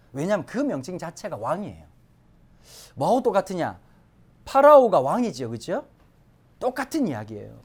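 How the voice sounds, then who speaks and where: A male pastor giving a Sunday sermon in a lively, conversational way with joking asides. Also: sits high.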